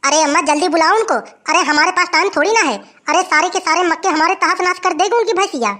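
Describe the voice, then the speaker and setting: A performer voicing an angry old farmer in a who shouts complaints and threats. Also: very high-pitched, quick pace. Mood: angry complaining. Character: grumpy old village man, angry farmer.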